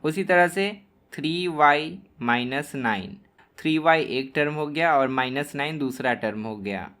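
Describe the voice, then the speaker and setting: Man, maths teacher, fairly high voice, slow deliberate explaining, spells out terms as he writes. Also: a bit bright. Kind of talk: classroom lesson explaining at a board.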